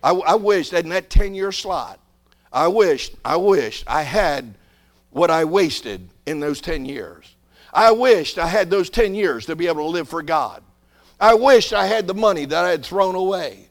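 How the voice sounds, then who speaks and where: A pastor in his sixties preaches a sermon in a high, animated voice at a slightly slow pace. He swells to emphatic peaks, drops to quiet asides, and repeats words as he builds each point.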